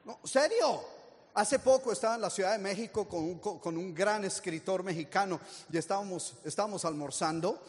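Casting: energetic male motivational speaker, high voice, lively anecdotes, long echo of a hall. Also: moderate pace. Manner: animated storytelling with acted-out quotes. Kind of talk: motivational talk.

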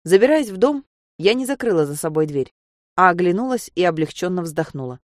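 A woman narrates a first-person story in an audiobook style, her voice sitting on the low side. She throws herself into the dialogue, raising her voice for the shouted lines. The recording is dry and close, with no room sound. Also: brisk, no room sound. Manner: acts out the dialogue with lively shouts.

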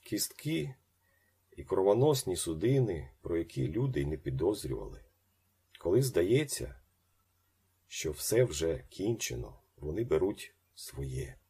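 A man reading a story aloud as an audiobook narrator, acting out the shouted lines and dropping to a slow hush. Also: sits low, big pitch swings, breathy edge.

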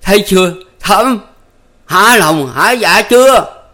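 A man voicing a bitter, wounded young peasant who cries out in a strained, high voice. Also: normal speed, lightly acted.

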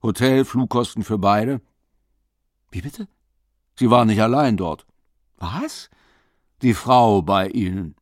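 A man voicing a pushy, prying older investigator who talks fast and insistently. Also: lowish voice, no echo, clean studio sound.

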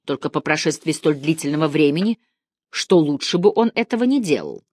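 A woman reading the part of a spirited, stubborn older woman in a lively, brisk, insistent way. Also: sits low, no room sound, clean studio sound. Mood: chatty.

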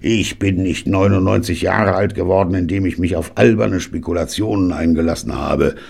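A man's voice: low voice, steady tone, moderate pace, darkish tone, pitched above the performer's own voice. A man reading an audiobook and voicing a cantankerous, scornful 99-year-old grandfather. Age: older. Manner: gruff, scornful, blustering.

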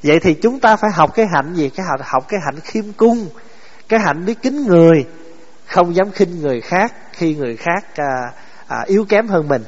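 A monk preaches a Buddhist sermon in a fairly high voice. He keeps putting questions to his audience and answering them himself. His voice echoes through a dull-sounding hall. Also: animated, moderate pace. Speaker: Buddhist monk giving a dharma talk.

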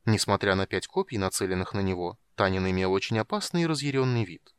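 Male narrator for fantasy audiobook, expressive and dramatic, dry booth sound. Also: deep voice, fast, smooth, no room sound. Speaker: audiobook reader.

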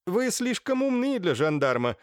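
A man's voice: sits high, sing-song, normal speed, darkish tone, no echo, clean studio sound, voice pushed up. A man voicing a handsome, sarcastic young nobleman with a haughty manner. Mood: mocking.

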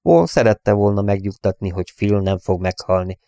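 A man reading an audiobook in a steady, measured storytelling manner. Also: on the low side, no room sound. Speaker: audiobook reader. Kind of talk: audiobook narration.

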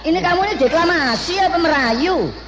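A woman's voice: very high voice, animated, brisk, a crowd in the background. A woman with a Javanese accent playing a literal-minded, teasing older uncle in a comic stage drama, heckling in mock puzzlement. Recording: noisy echoing hall stage recording.

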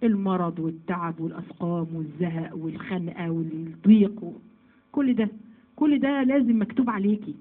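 A woman with an Egyptian Arabic accent gives a religious lesson at a rapid clip, asking her own questions and answering them. Her voice comes through thin and phone-like. She teaches women in a lively, conversational way. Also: lowish voice. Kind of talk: Quran commentary lesson to women.

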